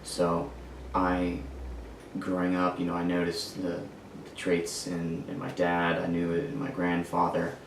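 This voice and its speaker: Podcast guest, man in his twenties, deep rough voice, slow halting storytelling, room echo. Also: monotone, a little hiss or hum. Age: 20s. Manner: halting, searching for words. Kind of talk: personal storytelling. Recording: echoey room, far from mic.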